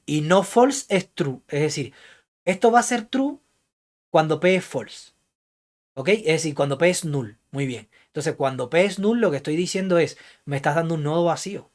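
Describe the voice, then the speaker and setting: A male lecturer explaining code to a class, pausing often to check that students follow and putting questions to them. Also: fairly high pitch, a little mellow. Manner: keeps checking understanding with "¿ya?" and "¿entiendes?"; thinks aloud, hedging what he recalls. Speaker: programming lecturer.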